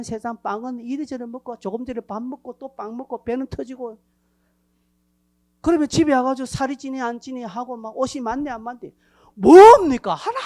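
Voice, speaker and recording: A woman preaching a sermon, animated, acting out everyday conversations and sometimes dropping to a hushed near-whisper. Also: fairly high pitch, dry recording. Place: church sanctuary.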